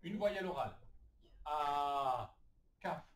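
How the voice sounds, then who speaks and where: A man teaching adults to read in a classroom, encouraging and sounding out each syllable slowly. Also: a little high, expressive, distant mic. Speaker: literacy teacher. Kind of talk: classroom phonics lesson. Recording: echoey room, recorded from afar.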